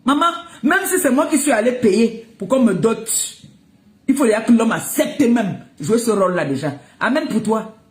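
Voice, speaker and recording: A woman's voice: a little high, expressive, normal speed, reverberant. A woman, ranting and scolding someone on social media, mocking and breaking into laughter. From Cameroon. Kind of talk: heated live rant.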